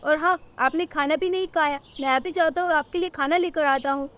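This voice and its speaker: A woman's voice: high-pitched, brisk, a bit bright, pitched above the performer's own voice. A woman voicing a caring young male bird, a son and husband who soothes and reasons with his family, in a cartoon story. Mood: concerned.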